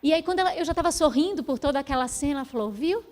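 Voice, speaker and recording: Gentle woman telling a spiritual story. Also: sits high. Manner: gentle, heartfelt storytelling with pauses. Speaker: spiritual speaker. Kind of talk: spiritual talk with personal story.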